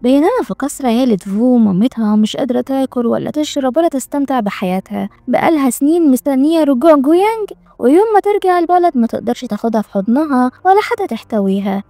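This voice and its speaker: A woman's voice: high-pitched, lively intonation, fast talker, dark tone, no echo. A woman with an Egyptian accent narrating a drama recap in a playful, sarcastic manner. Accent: Egyptian Arabic. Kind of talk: scripted narration with witty asides.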